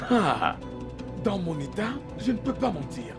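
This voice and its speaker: A cowardly gateman in a dubbed film, a little high, stammering and pleading in panic. Film music plays under him. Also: sing-song, unhurried, heavily acted. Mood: panicky. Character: cowardly, fast-talking male gateman. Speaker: gatekeeper.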